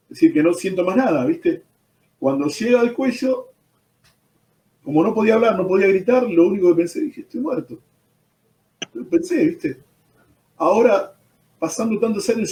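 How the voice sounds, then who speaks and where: Recorded at a distance in a room with a noticeable echo, a high-voiced, dark-toned Argentine man tells the story of his personal testimony. He's a pastor being interviewed, and he keeps adding "¿viste?" as he talks.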